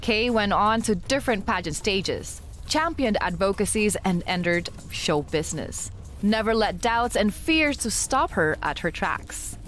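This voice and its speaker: A woman narrating a scripted news feature segment in a polished, measured storytelling delivery. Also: medium pitch, animated, fairly bright tone. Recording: music bed underneath.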